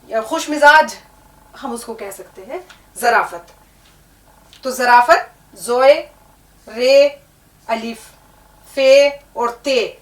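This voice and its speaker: A woman teaching a language lesson, explaining word meanings and spelling out letters slowly, often checking in with the learner. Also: on the high side. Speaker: Urdu teacher. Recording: echoey room, mic at a distance.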